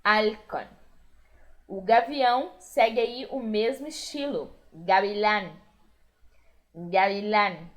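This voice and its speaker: A woman with a Brazilian Portuguese accent teaching a recorded Spanish lesson, patiently repeating each word clearly. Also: on the high side, takes it slowly.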